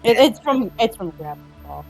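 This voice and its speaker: Playful, giggly woman, higher voice. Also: big pitch swings, fairly quick, creaky, over music, low-quality recording. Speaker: stream co-host. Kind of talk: casual chat.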